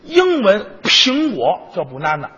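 Lively high-voiced comedian on stage. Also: male voice, measured pace, noisy background. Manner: animated storytelling, bursts into shouted acted quotes. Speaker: crosstalk lead comedian. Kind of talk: Chinese crosstalk stage performance. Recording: echoey hall, dull lo-fi sound.

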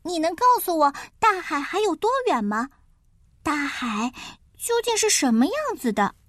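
A woman voicing Keke, a curious and eager little turtle child, in a storybook, with high, lively questions. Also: normal speed, no room sound, studio quality.

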